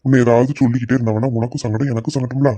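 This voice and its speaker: A man's voice: mid-range voice, fairly even intonation, rapid-fire, mellow, no echo, muffled recording, lightly acted. A man voicing a placating young village husband, in a cartoon. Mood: pleading. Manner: pleading, peacemaking. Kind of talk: cartoon voice acting.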